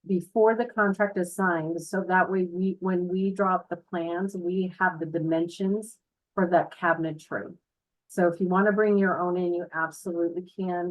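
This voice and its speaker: Over a tour video, a woman with a lowish voice gives a casual, informal house tour as a builder's representative, chatting her way through the features. The recording quality is low.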